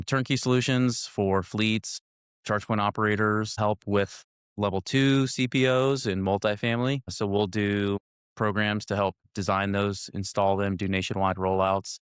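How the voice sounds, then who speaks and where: A man with a smooth, resonant low voice gives matter-of-fact answers as a panel guest. The sound is dry and close. He speaks plainly and to the point. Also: steady tone, normal speed, no echo. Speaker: guest, charging installer engineer. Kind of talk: panel discussion.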